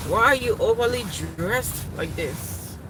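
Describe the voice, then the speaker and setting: A woman's voice: on the high side, lively intonation, measured pace. A woman from Liberia chatting casually with livestream viewers while driving, greeting them by name. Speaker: vlogger, nurse driving to work. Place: inside her car on the road. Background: road and car noise.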